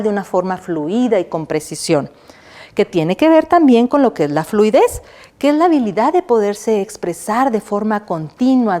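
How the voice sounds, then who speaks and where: This recorded online lesson comes from a middle-aged woman lecturing at a university, who asks questions, answers them on her own, and regularly checks in with "right?". She has a mid-range, slightly mellow voice.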